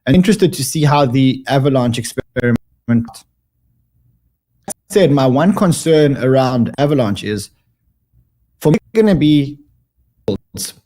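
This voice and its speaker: A man's voice: medium pitch, lively intonation, slow pace, pauses often, dark tone. Man on a clipping, distorted video call. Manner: repeats words when restarting, emphatic. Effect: clipping, distorted audio. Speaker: guest commentator. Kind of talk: remote interview discussion.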